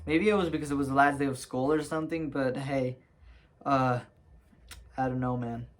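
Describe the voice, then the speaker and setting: A man's voice: medium pitch, steady tone, moderate pace. Young guy vlogging a storytime, rambly, lots of ums and restarts, laughs at his own story. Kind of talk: casual storytime.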